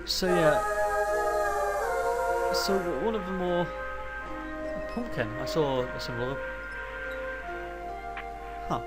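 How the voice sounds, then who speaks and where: Loud music sits behind a slightly high, animated man who speaks slowly and pauses often. He has a cold and hosts a casual let's play, his commentary hesitant and rambling, with frequent restarts and self-corrections.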